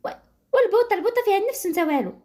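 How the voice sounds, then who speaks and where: A woman voicing a feisty young female student, with a Moroccan accent and a sharp, defiant way of talking. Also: very high-pitched, expressive, racing, pitched above the performer's own voice.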